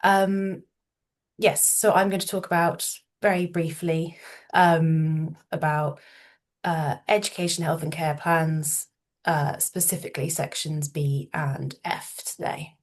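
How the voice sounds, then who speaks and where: A solicitor with an English accent gives an informative talk in a deep voice with fairly even intonation. She sounds slightly nasal from a cold and speaks in a measured way, with many ums and restarts.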